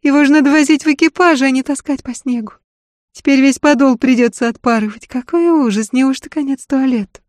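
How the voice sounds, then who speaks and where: A man's voice: extremely high pitch, brisk, no room sound, clean studio sound, pitched above the performer's own voice. A man voicing a capricious, hysterical young noblewoman with a Polish accent in an audiobook. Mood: capricious complaining. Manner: shrieking, frantic, capricious.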